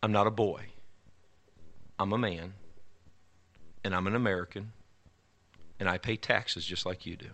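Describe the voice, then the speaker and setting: A man voicing a proud, firm elderly man in his seventies, speaking low and measured. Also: lively intonation. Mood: stern. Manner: low, quiet, measured delivery.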